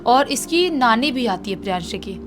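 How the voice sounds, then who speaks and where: A woman's voice: fairly high pitch, expressive, moderate pace, over music. A young woman casually telling a true horror story, chatty and conversational. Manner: conversational, acts out shouted quotes.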